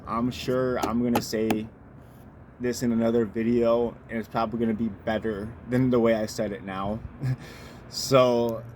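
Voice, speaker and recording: A man's voice: mid-range voice, darkish tone. A man vlogging outdoors near a storage facility, chatting casually in a rambling, filler-heavy way, swearing and then apologizing. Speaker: dad vlogger. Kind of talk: casual chat to camera. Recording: outdoor street noise with passing vehicles.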